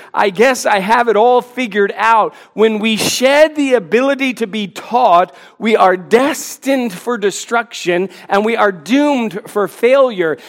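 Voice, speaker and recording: A man in his forties preaches to his church in a notably high voice. He presses his points with earnest emphasis and lightens them with self-deprecating asides. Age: 40s. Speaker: pastor. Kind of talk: sermon.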